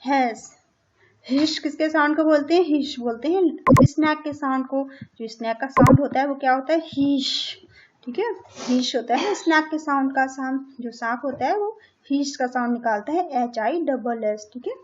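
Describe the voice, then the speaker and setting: A woman teacher with a high voice works through a lesson for young children. She says each word again and again, spells it out letter by letter, and keeps putting questions to the class. The sound is slightly dull and lo-fi. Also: moderate pace, slight background noise. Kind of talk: online class lesson in Hindi and English.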